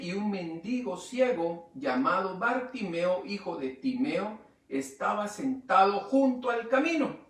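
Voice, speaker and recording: A man pastor preaching a sermon, swinging from quiet asides to loud emphatic rises. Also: on the high side, echoey room, distant mic. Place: church.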